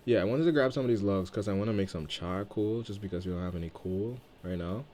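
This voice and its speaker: Fast and low-pitched with a darkish tone, a twenty-something gamer from Trinidad and Tobago comments on his play in a casual way. He thinks aloud and rambles, breaking off into chatty anecdotes about himself, over a slight hiss or hum.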